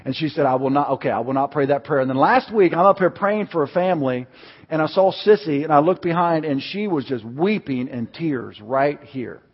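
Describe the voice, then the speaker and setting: A middle-aged pastor delivers a sermon, his husky voice rising into passionate, loud preaching. The church around him rings with a long reverb, and the sound is a bit dull and muffled. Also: on the high side, animated, fairly quick. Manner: builds to impassioned, near-shouting preaching. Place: church sanctuary.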